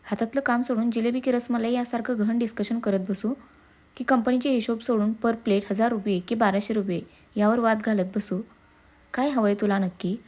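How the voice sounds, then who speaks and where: A woman's voice: fairly high pitch, fairly even intonation, moderate pace, darkish tone, close to an everyday voice. A woman voicing an irritable, overworked young husband in a storybook reading. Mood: irritated. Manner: curt, exasperated, then coaxing.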